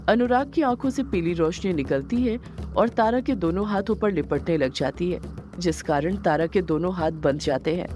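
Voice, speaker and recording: Woman narrating a horror story. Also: on the low side. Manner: steady, dramatic storytelling.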